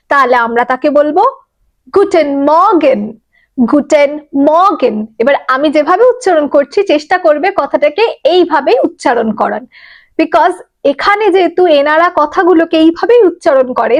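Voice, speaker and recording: Female language teacher with a high-pitched voice, relaxed and patient, asks learners questions. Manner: explains slowly, drawn-out German example words. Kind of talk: casual spoken lesson.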